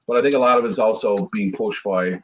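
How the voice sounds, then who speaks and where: A man's voice: fairly low pitch, fast. A man hosting a casual podcast chat, rambling and jumping between tangents. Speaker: host. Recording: dull lo-fi audio with faint noise.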